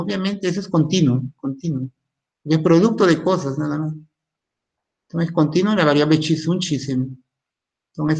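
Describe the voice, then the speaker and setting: A man's voice: a little high, gravelly, a little mellow. A man teaching a recorded university math lecture in in, thinking aloud and often stopping to ask "¿no?".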